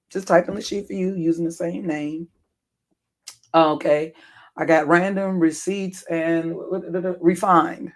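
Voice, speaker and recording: Chatting loosely with viewers, a livestream host rambles and self-corrects, dropping plenty of chuckles and ums. The voice is deep, hoarse, and worn.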